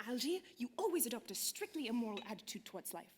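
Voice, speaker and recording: A young woman playing a brisk, haughty young lady. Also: on the high side, sing-song, darkish tone, in a large hall, a little hiss or hum. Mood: imperious. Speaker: stage actor in a school play. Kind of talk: stage comedy acting.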